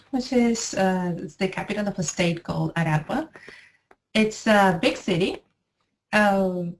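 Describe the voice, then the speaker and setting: A woman from Venezuela, an editor and language teacher, speaking in an interview in a clear, measured way. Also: mid-range voice, rough recording. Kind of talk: interview self-introduction.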